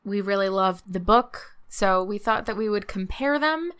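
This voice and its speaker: Bright, casual woman podcast co-host. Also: medium pitch, expressive, moderate pace, clear, resonant tone.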